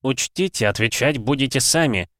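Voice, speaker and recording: A man voicing a soft-spoken, sardonic older male cardinal in an audiobook. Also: medium pitch, expressive, moderate pace, dry recording, clean studio sound, voice pushed up, close to an everyday voice.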